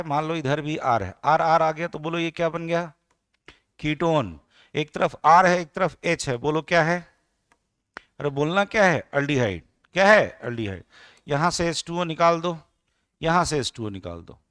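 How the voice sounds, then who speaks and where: A man's voice: fairly high pitch, a bit bright, dry recording, studio quality. A male chemistry teacher drilling his students. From India. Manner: drills students with repeated questions; mixes English terms into Hindi. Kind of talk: classroom lecture.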